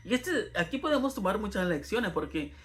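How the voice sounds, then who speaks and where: A man's voice: high-pitched, sing-song, fairly quick, fairly bright tone. A man giving an earnest Bible lesson in sermon style, his voice rising and falling for emphasis. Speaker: Bible teacher.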